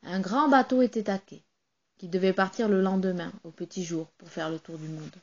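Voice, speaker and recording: Woman storyteller, calm, lo-fi sound. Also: medium pitch, normal speed. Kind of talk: reading a children's tale aloud.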